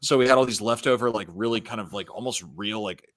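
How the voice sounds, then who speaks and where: A man's voice: on the low side, fast talker, a bit bright, no echo. A man on a video call telling a childhood story in a rambling way, full of "like". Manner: rambling with many "like" fillers. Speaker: panel guest. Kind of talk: casual storytelling chat.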